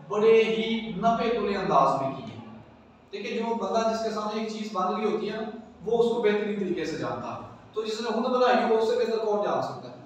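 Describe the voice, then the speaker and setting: A man giving a classroom religious lecture, animated, asking his listeners rhetorical questions and mixing in English words. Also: high voice. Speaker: Islamic lecturer teaching a class. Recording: echoey hall, distant mic, faint background noise.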